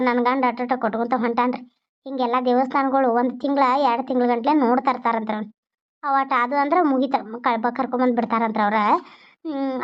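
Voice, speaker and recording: A woman's voice: sits high, lightly acted. A woman voicing a polite, chatty middle-aged housewife with a North Karnataka Kannada accent, explaining at length. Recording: dull lo-fi recording.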